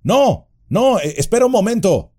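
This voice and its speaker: Frodo, a man doing a higher hobbit voice. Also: expressive, slow, mellow. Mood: urgent. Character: young male hobbit in peril, dignified.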